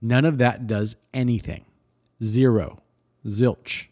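A man's voice: mid-range voice, steady tone, slow pace, a little mellow. A man in a casual discussion who speaks bluntly, with a sarcastic edge.

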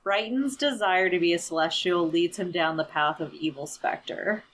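A woman's voice: fairly low pitch, normal speed, fairly bright tone, a little hiss or hum. A woman in casual book-club chat, chatty and enthusiastic, saying "like" a lot. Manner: chatty, enthusiastic, says "like" often. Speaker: book club podcast co-host.

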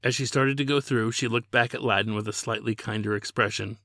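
A man, the author, reading his own novel aloud in a steady, measured way. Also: medium pitch, dry recording, clean studio sound. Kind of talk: audiobook narration.

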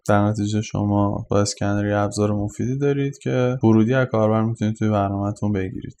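A young man teaching code in an easygoing, chatty way, his voice low and mellow. He explains step by step with plenty of fillers. A faint hiss of room noise sits behind him. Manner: conversational, self-deprecating, uses many fillers like "for example". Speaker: programming teacher. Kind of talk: casual explanatory lesson.

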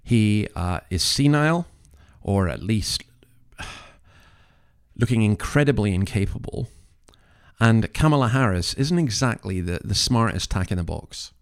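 A man's voice: on the low side, lively intonation, a little slow, clean tone. A man hosting an opinionated commentary, speaking in an earnest, emphatic, moralising way with rhetorical questions. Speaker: commentary podcast host.

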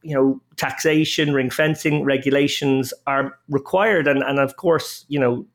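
A man's voice: medium pitch, fairly even intonation, measured pace. A man talking casually and with opinions as a podcast guest, qualifying his points as he goes. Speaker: podcast guest, poker player and commentator.

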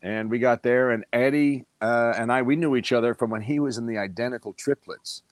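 A man's voice: mid-range voice, fairly quick, no echo. An older man, an actor guest, telling rambling anecdotes in a casual interview.

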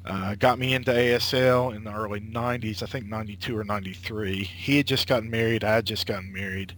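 Over a slight hiss or hum, a lowish male voice with a fairly bright tone talks quickly and steadily. He's a late-thirties guest on an internet call having a casual conversation, rambling and restarting with plenty of fillers.

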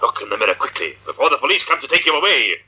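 An actor playing an unseen menacing avenger, stern and accusing, in theatrical vintage radio drama style. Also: male voice, mid-range voice, very animated, very fast, bright, forceful tone, breathy edge, exaggerated voice, poor audio. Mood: relentless taunting. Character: the Shadow, unseen menacing avenger taunting wrongdoers. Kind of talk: 1940s radio drama acting.

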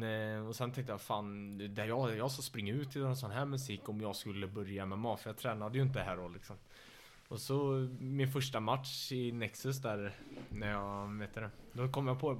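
Young MMA fighter chatting loosely. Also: male voice, lowish voice. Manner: relaxed, loose, lots of filler words. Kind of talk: casual podcast chat.

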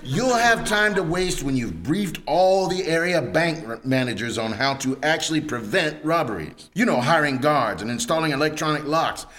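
A man's voice: fairly high pitch, lively intonation, normal speed, hardly any pauses, a bit bright. A man voicing a demanding, curt and authoritative krill police chief in a comedic radio play. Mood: commanding.

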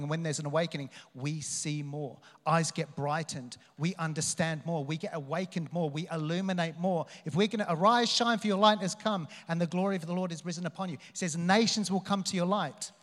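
A man with a fairly high voice delivers a charismatic sermon as motivational speech. He exhorts the congregation emphatically, repeating phrases for weight. Long hall reverb trails his words. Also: steady tone, brisk, hardly any pauses. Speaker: preacher. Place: large reverberant room, speaking live to a congregation.

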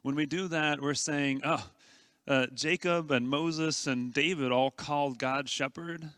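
A man delivers a sermon in an earnest, conversational way, often stumbling and restarting his phrases as he speaks. His voice has a bright, forward edge. It is recorded close and dry, with almost no room sound. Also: fairly high pitch, fairly even intonation, measured pace, no echo. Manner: earnest, conversational preaching with frequent stammered restarts. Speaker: pastor.

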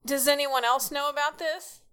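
A woman's voice: high voice, fairly even intonation, moderate pace, fairly bright tone. A woman playing a radio call-in show host, casual and skeptical with her callers. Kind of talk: late-night radio call-in acting.

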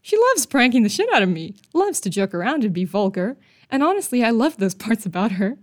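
A woman's voice: on the high side, sing-song, a little fast. A young woman co-hosting a podcast, reading a creepy story aloud with a profane, giggly, mock-dramatic delivery. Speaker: podcast co-host.

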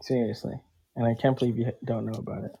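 A man's voice: mid-range voice, little pitch movement, quick pace, creaky, mellow, breathy edge, rough recording. A man chatting casually with a stranger, rambling and filling his talk with "like" and restarts. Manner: rambling, filler-heavy, uses "like" a lot. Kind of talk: casual chat.

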